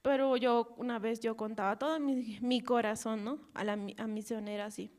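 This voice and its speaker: A woman with a Bolivian Spanish accent shares a personal testimony before a church gathering. Her voice sits a little high, and she speaks haltingly, often breaking off and tagging her sentences with small questioning words. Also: fairly even intonation. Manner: halting, repeats "¿no?" and "así" often, laughs softly. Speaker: church volunteer giving testimony.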